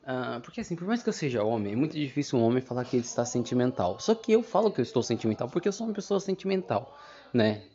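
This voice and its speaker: A man's voice: medium pitch, big pitch swings, quick pace, mellow. A young man hosting a casual solo podcast from home, rambling and losing his train of thought, with lots of fillers. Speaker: podcast host. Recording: dull lo-fi home recording.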